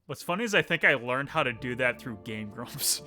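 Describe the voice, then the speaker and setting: A man streaming a video game in casual chat, playful and quick to laugh, sometimes reading lines aloud. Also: medium pitch, animated, sharp tone, faint music behind. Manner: playful, laughs often, hams up character lines.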